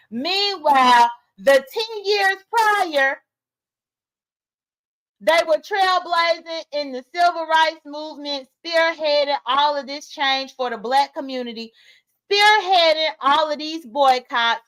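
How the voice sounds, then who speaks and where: Woman in her late 30s, high voice, blunt and emphatic, vlog commentary. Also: a bit bright, low-quality recording. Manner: emphatic, blunt, talks straight to viewers. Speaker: vlogger. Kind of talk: casual commentary monologue.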